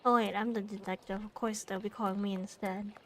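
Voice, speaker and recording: A woman's voice: medium pitch, fairly even intonation, brisk, slight background noise. A woman game streamer giving casual, reactive live commentary full of exclamations.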